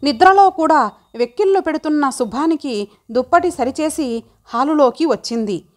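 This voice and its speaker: High-voiced woman narrating a story. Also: expressive, normal speed. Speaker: audiobook narrator.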